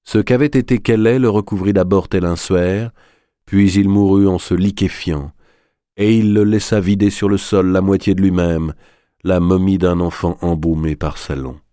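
Male audiobook narrator, low voice, measured and dramatic, dry close sound. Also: steady tone, dark tone, no echo.

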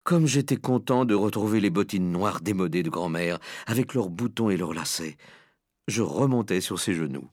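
Male audiobook narrator, lively swings in pitch, dramatic, dry close sound. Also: normal speed, dry recording. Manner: animated, dramatic first-person telling. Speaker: audiobook reader. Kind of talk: expressive storybook narration.

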